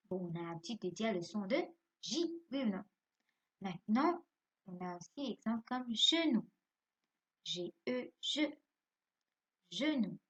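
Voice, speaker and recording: Female primary teacher at home, slow and patient, husky voice, dull lo-fi sound. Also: medium pitch. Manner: slow and patient, quizzing pupils then answering herself. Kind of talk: phonics lesson, spelling words letter by letter.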